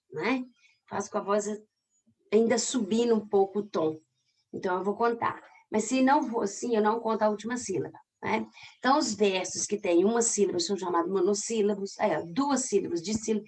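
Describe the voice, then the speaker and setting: A woman with a Brazilian accent teaching a literature class, explaining in a chatty way and talking straight to her students. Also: mid-range voice. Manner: stretches words out when scanning syllables. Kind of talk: recorded online class.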